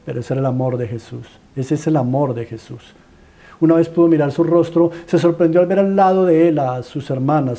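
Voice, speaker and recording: A man's voice: fairly high pitch, mellow. A man with a Colombian accent preaching a sermon as a dramatic story, stacking rhetorical questions and repeated phrases in a pleading way.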